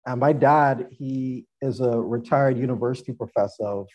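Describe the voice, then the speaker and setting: A former athlete and attorney, interviewed as a podcast guest, earnestly recounts stories about his upbringing and laughs now and then. His mid-range voice has a darkish tone at a moderate pace, and the audio is dull.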